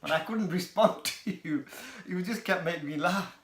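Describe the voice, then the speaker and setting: A man's voice: sits high, normal speed, a bit bright. A man co-hosting a casual chat show, laughing a lot and repeating himself. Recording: echoey room.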